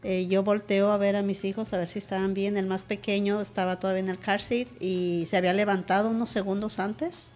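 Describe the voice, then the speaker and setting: A woman's voice: medium pitch, flat delivery, a little fast, hardly any pauses, a little mellow. A woman pastor, a guest in an interview, recounting a personal testimony in a vivid, emotional way.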